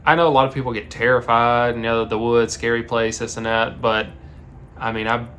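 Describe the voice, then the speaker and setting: A man with a Southern American accent, co-hosting a casual vlog Q&A and reading questions aloud in a relaxed way. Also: mid-range voice, brisk, a little hiss or hum. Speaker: vlog co-host, teacher. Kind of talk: casual Q&A chat.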